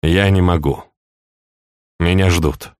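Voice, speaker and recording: Narrator guy doing a dry witty count in an audiobook, calm, blunt, no room echo. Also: sits low, takes it slowly, clean tone. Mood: wry. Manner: calm, wry delivery. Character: young count, dry-witted and blunt man.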